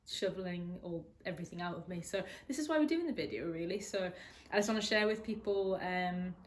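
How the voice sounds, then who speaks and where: A woman in her twenties shares a personal story candidly in an interview, her lowish voice running a little fast. She sounds hesitant, with many restarts and lots of ums and other fillers.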